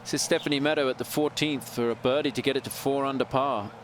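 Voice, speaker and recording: A man's voice: mid-range voice, fairly even intonation, fast talker. A man commentating live on a golf tournament as a broadcast announcer. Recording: very noisy outdoor sports broadcast. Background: loud outdoor ambience.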